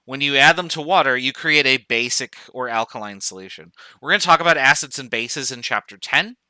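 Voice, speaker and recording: A man lectures on chemistry in a loose, joking manner, thinking aloud and trailing into fillers. His voice is very bright and crisp at a middle pitch. The sound is dry and close, with no room echo. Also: expressive, brisk. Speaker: chemistry professor. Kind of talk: online lecture.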